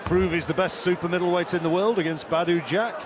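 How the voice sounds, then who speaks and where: A man's voice: sits high, fairly even intonation, fairly quick. A man giving live darts commentary in a chatty, conversational way with wry asides. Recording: noisy venue with clear crowd behind. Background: darts crowd noise.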